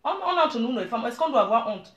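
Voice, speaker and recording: A middle-aged woman from Cameroon, giving blunt, animated advice and calling her listeners dear. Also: a little high, fairly quick, reverberant, dull audio. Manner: blunt, animated, calls listeners "maman" and "ma chérie". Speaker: business owner. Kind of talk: frank advice monologue.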